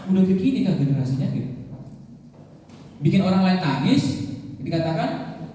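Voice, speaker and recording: A man's voice: sits high, very animated, normal speed, dark tone, slight background noise. A man, a pastor, preaching a sermon in a conversational way with many rhetorical questions. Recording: echoey hall, mic far off.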